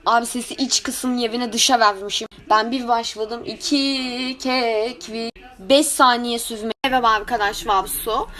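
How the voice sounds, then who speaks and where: A woman's voice: on the high side, fairly even intonation, measured pace, fairly bright tone. A woman with a speech impediment on R sounds, chatting casually and comedically to her followers in an emphatic, exasperated, slangy way. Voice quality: speech impediment, cannot pronounce R and some letters. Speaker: social media content creator.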